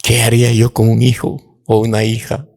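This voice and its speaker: A man preaching a sermon to his congregation, slow and dramatic, rising to impassioned outbursts. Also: medium pitch, completely flat delivery, creaky, darkish tone. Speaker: apostle, preacher.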